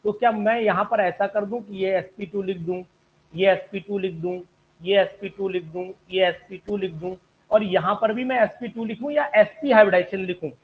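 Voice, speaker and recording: A man's voice: sits high, moderate pace, phone-quality sound. A man teaching an online chemistry class, politely asking students questions and calling them sir.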